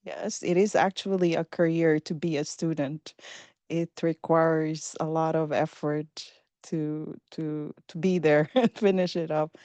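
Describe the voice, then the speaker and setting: Woman running a chill webinar on a video call, slightly low voice, dry sound, lots of ums. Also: steady tone, unhurried, warm tone, dry recording. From Philippines. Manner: upbeat, chatty, with frequent fillers and small laughs. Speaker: webinar presenter. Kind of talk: casual live webinar talk.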